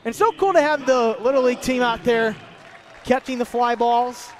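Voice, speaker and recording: Very high-voiced male play-by-play announcer. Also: normal speed, a faint crowd. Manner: lively home run calls, chatty asides. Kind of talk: live sports commentary.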